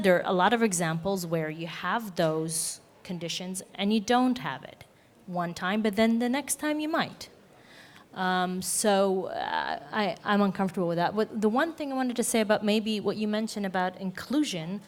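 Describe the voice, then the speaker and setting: Woman, forum participant, lower voice, halting and repetitive. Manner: hesitant, repeats words, many fillers. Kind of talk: panel discussion remarks.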